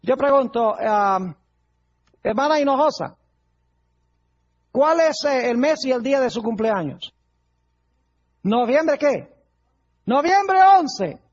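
A man's voice: very high voice, lively intonation, slow, pauses often, dull audio. A male pastor preaching a sermon, putting rhetorical questions to his congregation.

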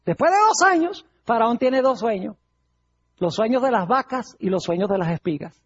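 A preacher delivering a sermon to a congregation, retelling Bible stories as a lively storyteller who acts out the quoted lines. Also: mid-range voice, normal speed, slightly rough. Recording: dull lo-fi recording.

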